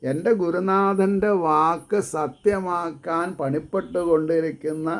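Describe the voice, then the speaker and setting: A man giving a devotional discourse, chanting verses slowly and then explaining them in quick bursts. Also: fairly high pitch, fairly even intonation. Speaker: devotional speaker.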